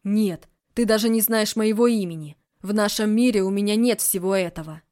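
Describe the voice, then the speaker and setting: A woman's voice: mid-range voice, normal speed, a little mellow, lightly acted. A woman reading the lines of a serious, guarded young man in an audiobook. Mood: heated. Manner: serious, heated outbursts. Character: young man, earnest, guarded, hot-tempered.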